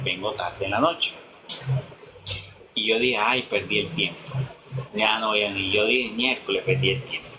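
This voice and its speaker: A man's voice: a little high, noisy background. A man telling his conversion testimony, acting out the dialogue he quotes. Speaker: testimony speaker.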